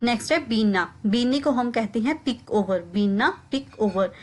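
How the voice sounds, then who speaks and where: Higher-voiced woman teaching vocabulary. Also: lively intonation, rough recording. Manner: repeats each example phrase slowly; keeps calling the viewers friends. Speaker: language teacher. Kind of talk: vocabulary lesson.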